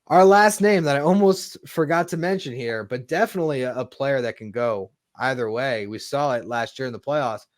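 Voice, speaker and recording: A man's voice: medium pitch, moderate pace, few pauses, no room sound. Conversational man, dry studio sound. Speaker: podcast co-host. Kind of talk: casual sports talk.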